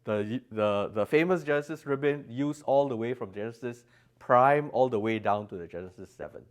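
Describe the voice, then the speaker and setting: This man, a designer presenting products at a trade show, demonstrates them during an interview in an exhibition room at an audio show and emphasizes technical points. His voice is smooth and medium in pitch, at a moderate pace.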